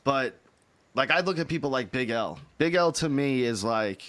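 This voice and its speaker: A man in his thirties hosts a loose, casual chat. He argues with energy and swears freely, and his voice sits at an ordinary middle pitch. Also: moderate pace. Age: 30s. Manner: animated, profane, opinionated. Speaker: podcast host.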